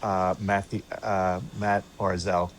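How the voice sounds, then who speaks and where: A man co-hosting a casual sports fan podcast, speaking haltingly with many fillers and repeated words. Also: sits low, level tone, crowd noise. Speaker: podcast co-host.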